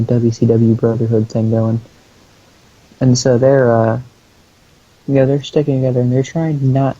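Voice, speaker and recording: Podcast guy rambling thru a recap, crude jokes, lots of um and you know, monotone, dull lo-fi sound. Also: mid-range voice. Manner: rambling, crude joking, many fillers. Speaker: podcast co-host. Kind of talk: casual comedic recap chat.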